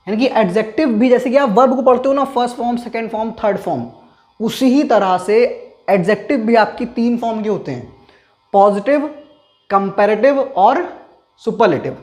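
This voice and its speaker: A man teaching grammar in an online lesson, who asks rhetorical questions and then answers them himself, repeating key terms slowly for emphasis. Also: high voice, darkish tone, soft background music.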